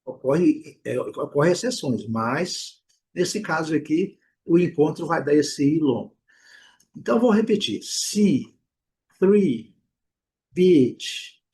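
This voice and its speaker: Husky Brazilian man teaching pronunciation. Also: fairly high pitch, lively intonation, darkish tone. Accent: Brazilian Portuguese. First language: Portuguese. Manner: repeats example words slowly, stretching the vowels. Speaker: English teacher. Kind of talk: pronunciation lesson.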